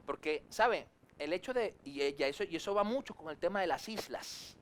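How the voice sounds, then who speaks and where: A man preaching a sermon as pastor, swinging his voice up and down for emphasis and acting out quick asides. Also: on the high side, lively intonation, a bit bright. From Venezuela. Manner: preachy, rises and drops sharply for emphasis, acts out quick asides.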